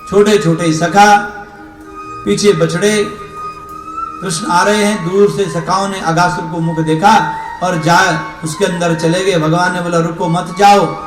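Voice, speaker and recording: A man preacher telling a scripture story in a devotional discourse, acting out the characters' dialogue. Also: sits high. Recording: roomy hall echo with instrument music.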